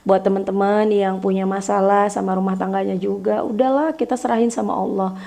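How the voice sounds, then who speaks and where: A young woman in casual motivational talk to her viewers, chatty, acting out quoted prayers and words to children in a brighter voice. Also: mid-range voice, fairly even intonation, brisk, creaky. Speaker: vlogger.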